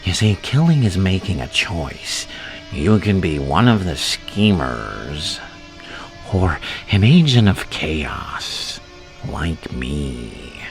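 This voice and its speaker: A taunting, anarchic clown villain in an ASMR roleplay. He is gravelly and very deep, with theatrical, swinging emphasis, over clear background music. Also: sing-song, exaggerated voice. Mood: sinister, taunting. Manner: slow, theatrical, swooping emphasis.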